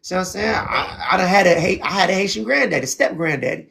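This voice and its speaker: High gravelly man, emphatic preachy talk. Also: animated, quick pace, pushed and bright. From South Florida, US. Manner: emphatic and preachy, repeats "see what I'm saying". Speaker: show host. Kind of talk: heated debate on a call-in stream.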